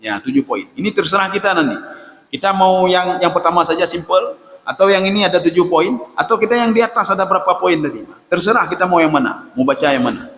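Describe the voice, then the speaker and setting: A man giving a religious lecture, often addressing listeners as "Pak" and reciting Arabic prayers slowly, with an Acehnese-tinged Indonesian accent. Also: high-pitched, animated, fairly bright tone. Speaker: preacher. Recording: echoey hall, reverberant.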